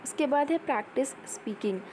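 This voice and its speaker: A woman teaching an exam-prep lecture, explaining in Hindi with many fillers and reading English headings out slowly. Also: sits high, expressive, a little mellow, a little hiss or hum, poor audio.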